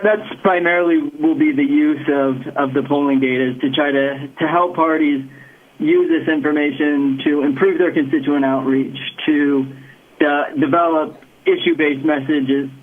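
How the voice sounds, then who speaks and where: A man's voice: a little high, fairly even intonation, normal speed, narrow, tinny audio. A man answering a panel question about program work, rambling with many fillers and restarts. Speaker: program officer.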